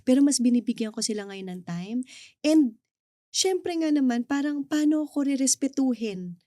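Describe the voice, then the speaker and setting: A woman's voice: high voice, expressive, moderate pace, warm tone, no room sound, studio quality. A middle-aged Filipino woman with a Filipino accent, earnestly sharing a faith testimony as an interview guest and mixing English into her Tagalog. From Philippines.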